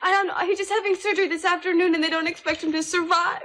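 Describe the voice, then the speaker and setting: A woman's voice: very high-pitched, steady tone, fast talker, a bit bright. An actress playing an earnest, dramatic teenage girl in a 1980s sitcom scene, worried and pleading. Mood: distressed. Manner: earnest and distressed.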